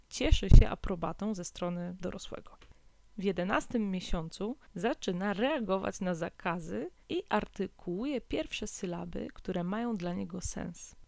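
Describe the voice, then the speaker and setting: A woman hosts an informative podcast in a calm, measured way. Her voice carries a gravelly fry. The sound is dry and close, with no room echo. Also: medium pitch. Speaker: podcast host.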